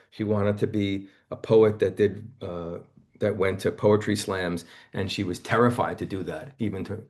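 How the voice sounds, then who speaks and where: A man's voice: lowish voice, darkish tone. A man, a therapist, teaching a seminar in an earnest way and telling stories about clients, often repeating and restarting his phrases.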